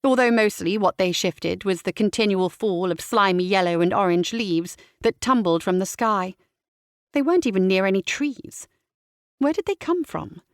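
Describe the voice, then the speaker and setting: A woman reading a cozy mystery novel aloud in an even, wry narration voice. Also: medium pitch, moderate pace, clear, resonant tone, no room sound, studio quality. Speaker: audiobook narrator. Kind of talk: scripted narration.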